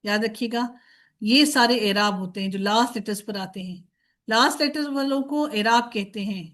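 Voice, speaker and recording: A woman with a fairly high voice gives a recorded grammar lecture. She is patient and methodical, chants word forms one after another, asks questions and then answers them herself, and slips English terms into her talk. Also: fairly bright tone. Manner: mixes in English words. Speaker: Arabic grammar teacher.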